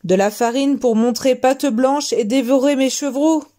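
A woman's voice: high voice, a little slow, warm tone. A woman voicing a stern, protective mother goat in a children's story, scolding and suspicious.

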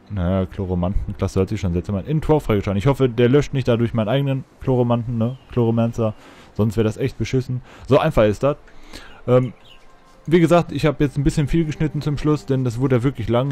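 A man's voice: medium pitch, warm tone. Chatty impatient German gamer guy. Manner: impatient, chatty, rambling asides. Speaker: let's play tutorial host. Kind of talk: casual gameplay commentary. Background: faint game music.

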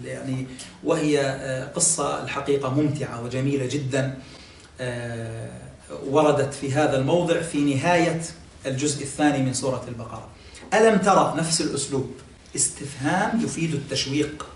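A man teaching a classroom religious lesson, explaining patiently, quizzing listeners and pausing on fillers. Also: fairly high pitch, a little hiss or hum. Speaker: sheikh teaching Quran exegesis. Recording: echoey room, mic at a distance, faint ambience.

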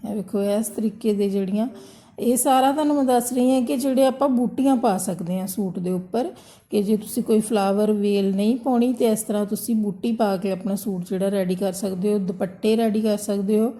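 A woman, gently talking viewers through an embroidery tutorial step by step. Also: mid-range voice, a little fast. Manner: gentle, repetitive instructional tone. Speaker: embroidery teacher. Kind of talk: step-by-step craft tutorial narration.

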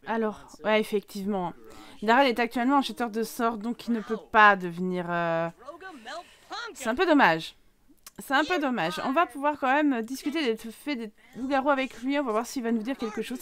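A woman talking through a life-simulation game as a YouTube let's-play host, chatty and breaking into sudden excited exclamations. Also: on the high side. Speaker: gaming YouTuber.

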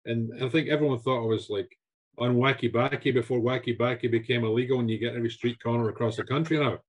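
A Scottish man in his sixties, a guest chef, answers interview questions with lively storytelling, often doubling up words and gesturing with his hands. His ordinary-pitched voice moves at a quick pace, sounds slightly rough, and comes through a home video call from a room with shelves.

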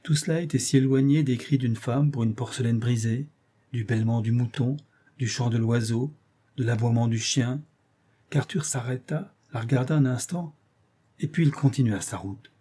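Dark, husky-voiced male narrator. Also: mid-range voice. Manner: measured, expressive reading. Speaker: audiobook reader. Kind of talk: scripted literary narration.

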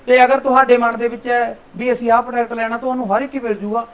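A man interviewing customers at a shop, chatty and brisk, prompting with short questions. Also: very high voice, flat delivery, fairly bright tone.

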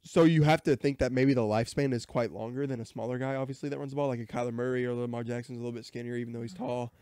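Man, podcast co-host, rambling sports chat, middle pitch, dry close mic. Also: steady tone, very fast, darkish tone, clear, resonant tone, no room sound. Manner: rambling, repeats words and restarts.

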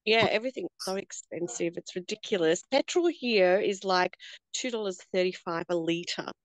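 A woman, chatting in a friendly, easygoing way with quick asides over a video call from home. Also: lowish voice, no echo, poor audio. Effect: heard over a video call. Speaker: course participant. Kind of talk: casual video-call chat. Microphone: computer or phone on a video call.

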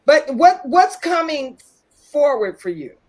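A woman hosting a talk show and interviewing a guest, asking drawn-out, measured questions. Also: sits high, big pitch swings, a little mellow, rough recording.

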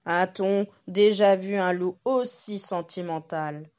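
A woman's voice: mid-range voice, slow, a little mellow, natural voice. A woman voicing a hungry but sentimental male wolf who muses and grumbles to himself. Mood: musing.

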